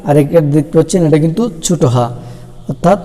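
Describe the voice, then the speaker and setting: A man teaching a Quran reading lesson, slowly naming and chanting Arabic letters one by one for his viewers. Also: on the high side, in a large hall. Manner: slow, even, drawn-out delivery, letters chanted one by one. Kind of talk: slow step-by-step lesson, reciting Arabic letters.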